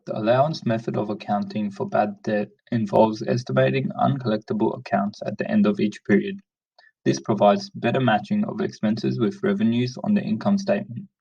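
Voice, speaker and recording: A man with a low, gravelly, husky voice reads steadily through a screen-recording voice-over. He sits well back from the mic, so the sound comes across dull and lo-fi. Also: a little fast, distant mic. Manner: steady, plain script reading. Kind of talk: read-aloud screencast narration.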